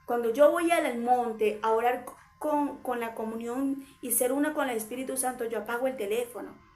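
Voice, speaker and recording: A woman delivers a sermon in a high voice, stacking short repeated phrases for emphasis. Her voice rings with a roomy echo around it. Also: moderate pace, a little mellow. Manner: emphatic, repetitive preaching in short parallel phrases. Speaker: preacher.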